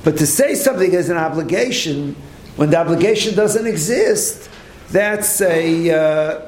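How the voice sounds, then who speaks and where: A man, a rabbi, giving a late-night Talmud lecture, animated, firing rhetorical questions and restarting his sentences, with many Hebrew terms. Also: fairly high pitch, unhurried, roomy sound, slight background noise. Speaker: rabbi teaching a Torah class.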